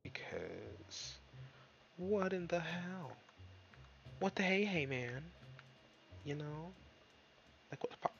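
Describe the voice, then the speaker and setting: A man riffing through a video game in loose, swear-heavy commentary, his voice swinging from low mutters to sudden high yelps. The home recording sounds a little dull, with a faint hiss behind it. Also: slow pace, creaky, long pauses. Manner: excitable, swearing, jokey, talks to himself and viewers. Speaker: gaming YouTuber. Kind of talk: casual let's-play commentary. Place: dark room at home.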